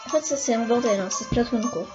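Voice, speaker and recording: A woman giving casual, chatty commentary over her gameplay, excitable and quick to repeat words in bursts. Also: fairly high pitch. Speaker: gamer. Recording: dull lo-fi recording over game music. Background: loud game music.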